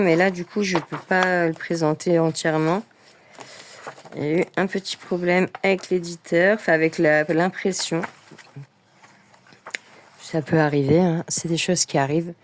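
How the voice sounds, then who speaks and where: Chatty woman, lowish voice. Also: a little hiss or hum. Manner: chatty, enthusiastic, lots of fillers. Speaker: coloring book vlogger. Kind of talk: casual vlog chat.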